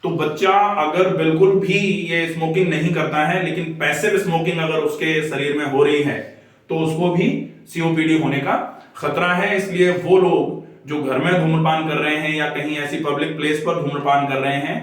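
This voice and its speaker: A male doctor explains a lesson patiently, one step at a time. His voice sits a little high, and he sounds set back from the mic. The room rings with a heavy echo. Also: steady tone, moderate pace, recorded from a distance. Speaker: doctor teaching a health lesson. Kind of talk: explanatory lecture drawing on a board. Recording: echoey room, voice from away from the mic.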